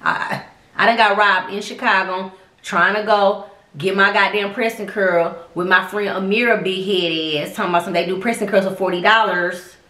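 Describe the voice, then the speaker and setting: A young woman tells a story in an animated, sassy and foul-mouthed way. Her voice is bright and forceful, and the room adds a roomy echo. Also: medium pitch, moderate pace. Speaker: host. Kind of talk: casual storytelling monologue.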